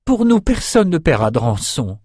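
A man's voice: on the high side, sing-song, normal speed, a little mellow, breathy edge, no echo, studio quality, voice pushed up. A man doing a stammering nervous shepherd. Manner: hesitant, stammering.

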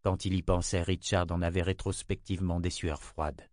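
A man reading fantasy fiction aloud in an even, measured narration. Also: deep voice, no room sound, studio quality. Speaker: audiobook reader.

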